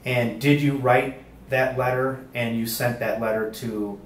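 A man's voice: mid-range voice, fairly even intonation. A man on an old interrogation tape, a state police investigator who stumbles through questions with frequent uhs and ums. His voice is distant and roomy, caught by a fixed mic in an interview room. Faint hiss sits underneath. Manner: halting, with many uhs and ums. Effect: interrogation-room tape recording. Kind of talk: formal interrogation. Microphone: fixed room camera mic.

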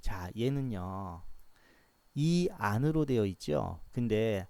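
A man teaching pronunciation in a patient lesson, repeating each sound clearly for students to copy. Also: fairly low pitch, animated, slow pace, mellow, no echo, studio quality. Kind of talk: explanatory lesson with modelled sounds.

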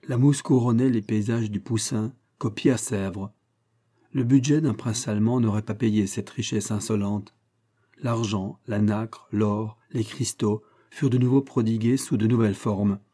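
A man narrating a classic novel as an audiobook, measured and expressive. His voice sits low, with a dark, mellow tone. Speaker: audiobook reader.

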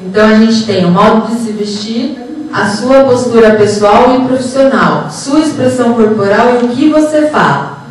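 A fairly high-pitched, slightly mellow woman speaks at a moderate pace in an informal motivational lecture to students in an auditorium. A psychologist and HR professional, she's conversational and uses short tag questions to check in. The audio comes from her handheld mic through room speakers, captured far off in a noisy, echoey hall.

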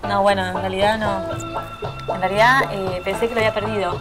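A woman's voice: medium pitch, huge pitch swings, music in the background. A woman with a Rioplatense Spanish accent playing an outspoken, exasperated young actress. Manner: exasperated, outspoken, quick retorts. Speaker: struggling actress. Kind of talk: web series acting.

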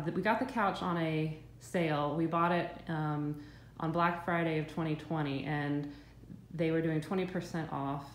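A young woman giving a casual, chatty review of her couch, hesitant and full of ums and restarts, filmed on a handheld phone in her living room. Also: deep voice. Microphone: handheld phone filming the room. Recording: echoey room with faint background hum.

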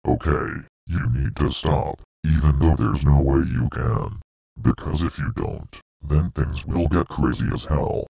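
A deep demonic robot stick figure. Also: male voice, unhurried, vocal fry, breathy edge, dry recording, lo-fi sound, soft background music, full character voice. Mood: menacing. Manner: flat threatening ultimatums. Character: menacing male stick-figure computer demon. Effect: robotic synthetic voice.

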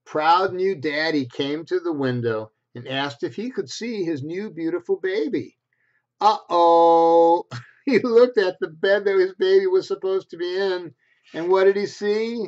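The voice sits high and the pace is unhurried: a man in his sixties is reading a picture book to preschoolers with expressive, simple phrasing and small asides. The setting is a small bedroom at home, with a desk-distance webcam producing dull, lo-fi audio.

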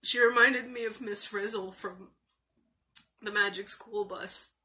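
Bright-voiced young woman chatting slowly. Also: mid-range voice, steady tone. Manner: rambling, halting. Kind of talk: casual vlog chat. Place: small room indoors. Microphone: phone or webcam at arm's length.

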